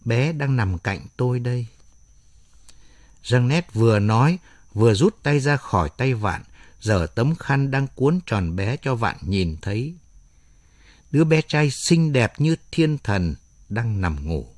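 A man narrating a dramatic story aloud in an expressive storytelling manner. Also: mid-range voice, measured pace, no room sound, clean studio sound.

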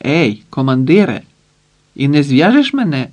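A man's voice: fairly high pitch, big pitch swings, measured pace, darkish tone. A man playing a brash, streetwise woman. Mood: coaxing. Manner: coarse, bossy, wheedling.

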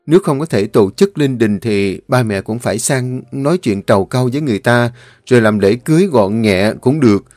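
A man voicing a stern, grief-stricken elderly father, scolding and shouting at his son. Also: medium pitch, expressive, fairly quick, no room sound, natural voice.

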